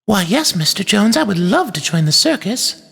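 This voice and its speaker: A man reading an audiobook, voicing a playful, slightly fussy little girl in a high sing-song voice. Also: big pitch swings, moderate pace, vocal fry, a bit bright, husky, heavily acted.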